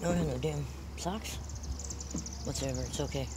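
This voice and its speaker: Mulher animada com sotaque sulista americano. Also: female voice, low-pitched, normal speed. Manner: excitable, swears, jittery. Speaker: vlogger filming an abandoned site. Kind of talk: casual chat while exploring. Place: outdoors by abandoned buildings and in a car. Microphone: handheld phone. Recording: noisy outdoor phone recording.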